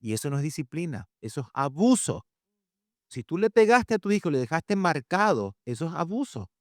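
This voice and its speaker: A man's voice: a little high, moderate pace, no echo, clean studio sound. A man preaching a sermon about parenting, telling stories and acting out quotes with a lot of animation. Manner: animated storytelling, acts out quotes. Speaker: pastor and family speaker.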